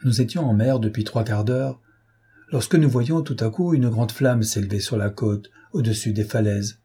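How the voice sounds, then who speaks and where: A devoted old seaman recounts a night of battle and fire in a solemn, earnest tone, as voiced by a male audiobook reader. The voice is dark and very husky, steady at a middle pitch. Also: normal speed. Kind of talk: audiobook character reading.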